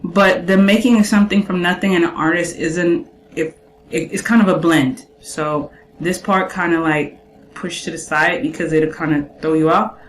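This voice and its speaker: Woman commenting on a clip, low-pitched. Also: fairly even intonation, moderate pace, reverberant, noisy background. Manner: chatty, quizzes the viewer, lists traits.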